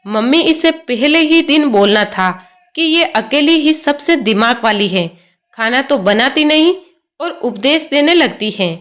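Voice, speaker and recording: A woman's voice: high voice, expressive, measured pace, a bit bright. Catty young sister-in-law making snide digs, woman narrator doing the voice. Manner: snide, taunting.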